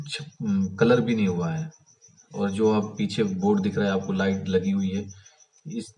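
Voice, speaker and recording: A man with a lowish voice talks to the camera outdoors beside an unfinished house. He tells his complaint in a rambling, restarting way that keeps turning aggrieved. The camera sits a fair distance away, so his voice sounds far off. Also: darkish tone. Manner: rambling, many restarts and fillers. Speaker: vlogger. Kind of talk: casual storytelling to camera. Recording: voice heard from a distance.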